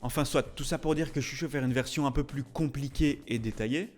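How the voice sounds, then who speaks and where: A quick-talking man with a mid-range voice hosts a video as a YouTuber and tattoo artist. Music runs in the background while he chats, joking casually and adding dramatic, faux-offended asides.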